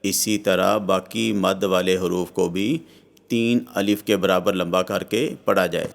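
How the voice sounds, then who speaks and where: A man with a Pakistani Urdu accent narrating a scripted lesson on Quran reading, drawing out each Arabic letter slowly and evenly. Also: sits low, steady tone, creaky. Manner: slow drawn-out recitation of Arabic letters.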